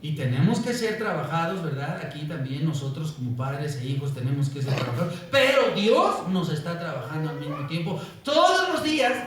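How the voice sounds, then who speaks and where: A male pastor preaching in a fairly high voice. He tells stories with animation, acts out the voices in them and keeps checking in with his congregation. He is heard from some distance in a strongly echoing church. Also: normal speed, few pauses. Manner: animated storytelling, acts out quoted voices, asks "¿verdad?" often. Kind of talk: sermon. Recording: echoey church, voice from off-mic.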